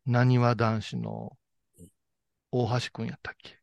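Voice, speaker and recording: A man's voice: medium pitch, level tone, measured pace, no echo, dull audio. A man with a Kansai accent chatting casually as a talk show host, telling things in a gossipy, colloquial way. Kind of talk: casual chat.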